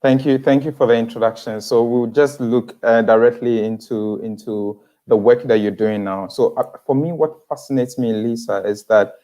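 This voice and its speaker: A man's voice: mid-range voice, steady tone, moderate pace, few pauses, dark tone. A man hosting an online interview, asking long questions with frequent hesitations. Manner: hesitant, many fillers and restarts. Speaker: host.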